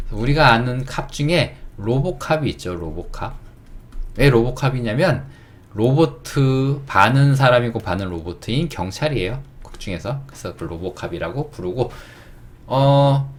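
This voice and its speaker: A man teaching beginners to read English words, patient, repeating each word and checking in often. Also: fairly low pitch. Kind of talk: beginner phonics lesson.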